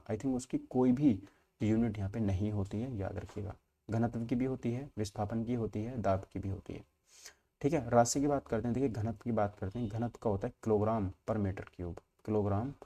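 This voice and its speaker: A man with a low, dark-toned voice runs an informal exam-prep class. He walks through multiple-choice questions step by step, checking in often and repeating key points.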